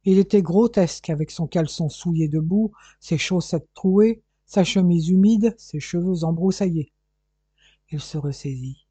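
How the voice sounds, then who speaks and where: A man narrates a detective novel with steady, measured reading. His voice is very dark and somewhat husky. The recording is dry and close. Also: high voice, no echo. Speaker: audiobook narrator.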